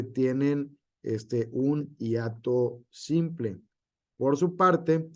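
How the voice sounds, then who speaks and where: Slow male teacher. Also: medium pitch, darkish tone. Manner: slow, spells out example words one by one; frequent fillers and tag question. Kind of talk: online class lecture.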